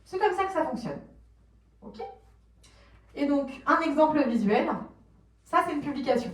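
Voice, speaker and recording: A French woman giving a lively conference talk, explaining plainly, asking the audience questions and acting out quotes. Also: high-pitched, normal speed. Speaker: conference speaker on social media marketing. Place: conference room, recorded from a distance. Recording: roomy, distant conference recording.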